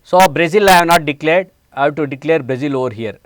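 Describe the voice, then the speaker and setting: A middle-aged man with an Indian English accent teaches a programming class, pausing often on "uh" as he walks through each step. His voice is smooth and clear, recorded close and dry in a studio. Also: on the high side, no echo. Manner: many hesitant "uh" fillers, explains step by step. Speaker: programming lecturer. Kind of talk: classroom lecture. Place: studio set, indoors.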